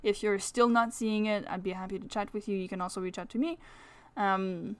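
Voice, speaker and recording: A woman's voice: mid-range voice, a little fast. A woman with a French accent hosting a casual solo podcast, talking in a rambling, chatty way full of fillers. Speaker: astrology podcast host.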